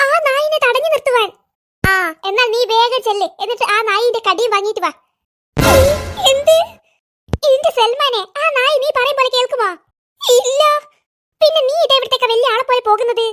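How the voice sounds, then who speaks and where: A voice actor playing excitable young schoolboys who bicker back and forth in a cartoon. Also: very high-pitched, moderate pace. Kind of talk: cartoon voice acting. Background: faint background music.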